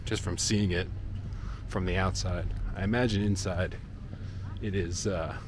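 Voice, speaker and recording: A man in his thirties films his travel vlog on an arm's-length handheld action camera while walking near a lake and parking lot, talking casually with lots of fillers. His deep voice is steady and a little slow, and the background is noisy.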